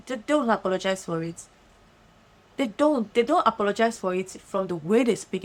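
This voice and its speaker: Woman host, Nigerian accent, animated and emphatic casual monologue. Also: medium pitch. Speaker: podcast host.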